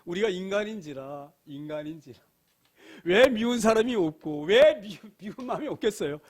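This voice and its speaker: High-voiced Korean pastor preaching emphatically. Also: male voice, lively intonation, moderate pace. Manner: emphatic preaching, repeats phrases, rhetorical questions, frequent hallelujahs. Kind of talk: sermon. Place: church sanctuary.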